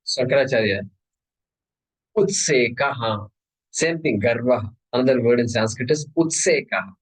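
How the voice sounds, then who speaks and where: A man's voice: medium pitch, rough recording. Indian-accented man teaching a scripture class. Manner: repeats key words, checks with listeners. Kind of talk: explanatory scripture lecture.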